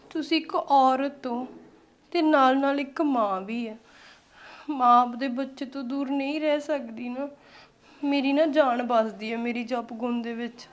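A woman's voice: high-pitched, fairly even intonation, unhurried. An actress playing a tearful young wife and mother who pleads to keep her daughter near her. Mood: pleading. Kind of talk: village family drama acting.

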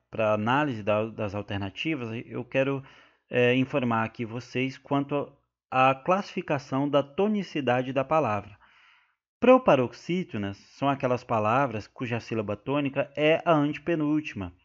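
A man's voice: medium pitch, lively intonation, normal speed. A man with a Brazilian Portuguese accent teaching an exam-prep grammar lesson, explaining step by step, often turning to his listeners and checking that they follow. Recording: muffled lo-fi recording.

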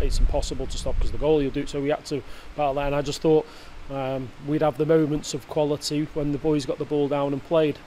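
Hesitant football manager. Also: male voice, fairly high pitch, warm tone, a little hiss or hum. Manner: hesitant, many fillers and restarts. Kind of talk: post-match interview. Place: indoor press area before a sponsor board.

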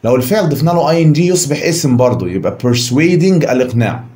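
A man with an Egyptian Arabic accent teaches an English vocabulary lesson. He says each word, gives its meaning, then repeats it slowly for students to copy. His voice is mellow and dark. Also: mid-range voice, expressive. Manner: drills words by repeating them slowly.

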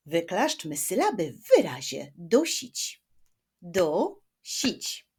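A woman teaching children to read, speaking slowly and carefully and drawing words out syllable by syllable, gently encouraging her young viewers. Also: lowish voice. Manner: slow, carefully spaced speech, stretching words syllable by syllable. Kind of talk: children's reading lesson.

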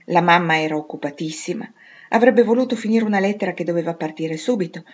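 Low, husky woman narrating a novel. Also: fast, lo-fi sound. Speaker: audiobook reader. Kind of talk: literary narration.

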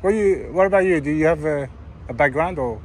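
A man's voice: fairly high pitch, expressive, brisk, a little hiss or hum. A man vlogging outdoors with a handheld camera, chatting casually in a teasing, playful way and laughing often. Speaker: auditing vlogger filming with camera. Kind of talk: casual chat while filming outdoors. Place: outdoors on a city street.

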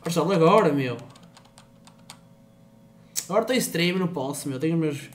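Young Portuguese streamer, swearing and teasing. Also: male voice, a little high, expressive, normal speed. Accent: European Portuguese. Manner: swears a lot, teasing and loose, often laughing. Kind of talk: casual gaming stream chat.

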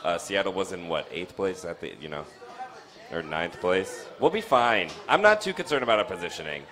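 A young man hosting a casual soccer post-game chat in a bar, talking with lots of restarts and jumps in pitch. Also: sing-song, moderate pace, sharp tone, soft background music. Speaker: soccer show host. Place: dim bar. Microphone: studio mic on stand with foam cover, headphones.

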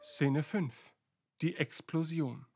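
Man reading a drama script out, slow and even, soft music under it. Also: fairly high pitch.

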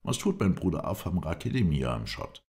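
A man voicing a calm, dignified male Bedouin guide who speaks in a measured, steady way in an audiobook reading. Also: low-pitched.

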